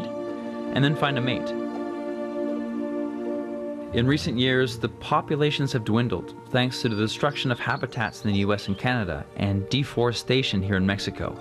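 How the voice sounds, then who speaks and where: Male documentary narrator, measured and informative, loud music bed under the voice-over. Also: mid-range voice.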